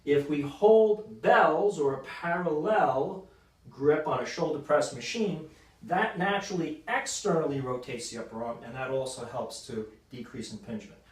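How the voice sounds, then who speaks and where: A man's voice: a little high, moderate pace. A man, a sports injury doctor, explaining an exercise and coaching a client through repetitions. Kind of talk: exercise demonstration. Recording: roomy echo, mic at a distance.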